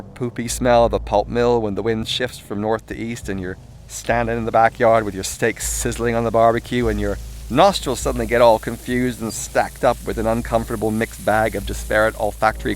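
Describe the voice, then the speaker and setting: A medium-pitched man narrates his own irreverent self-help book, and the recording has slight background noise. He's theatrical and cheeky, keeping it conversational and tossing in sweary asides. Behind him plays composed music with a soundscape.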